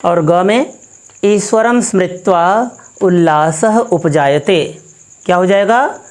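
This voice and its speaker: Slow-paced woman Sanskrit teacher. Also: on the low side, darkish tone. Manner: repeats each answer twice, asks "what will it become?". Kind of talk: slow classroom explanation.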